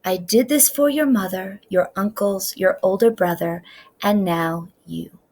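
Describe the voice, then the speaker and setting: A woman's voice: medium pitch, a little mellow. Woman reading as a kindly, cooing old grandfather. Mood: cooing, proud. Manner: cooing, slow and ceremonial.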